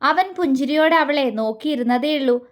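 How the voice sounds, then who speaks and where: A woman storyteller giving a steady, scripted narration of a romance audio series. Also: sits high, moderate pace.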